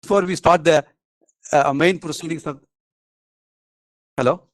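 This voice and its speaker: A man presenting a formal meeting agenda over a video call whose audio keeps breaking up, speaking haltingly with fillers and restarts. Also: a little high, steady tone. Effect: choppy video-call audio that keeps breaking up. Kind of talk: formal reading of meeting procedure.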